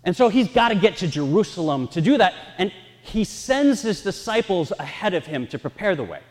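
A man preaching a sermon, telling lively, self-mocking stories from the pulpit, his voice ringing with a cathedral-like echo in a large church. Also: high-pitched, brisk. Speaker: pastor. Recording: long reverb in a church hall.

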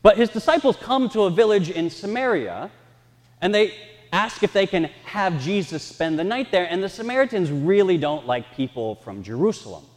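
A man preaching a sermon, telling lively, self-mocking stories from the pulpit, his voice ringing with a cathedral-like echo in a large church. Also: high voice, moderate pace. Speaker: pastor. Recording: long reverb in a church hall.

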